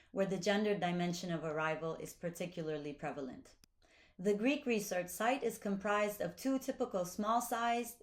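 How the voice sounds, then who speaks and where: Woman narrating a project video. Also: lowish voice. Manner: even, formal reading. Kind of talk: scripted narration.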